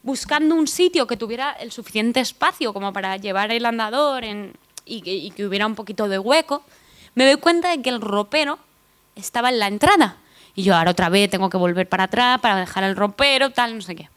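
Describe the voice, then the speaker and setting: A young woman with a Madrid Spanish accent tells funny stories about herself at a conference, speaking in a slightly high voice. She jokes at her own expense and throws asides to the crowd. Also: lively intonation, fairly quick, a bit bright, clean tone. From Spain (Madrid). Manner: chatty, joking, self-deprecating, with asides to the audience. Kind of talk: humorous personal storytelling talk. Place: conference stage before an audience.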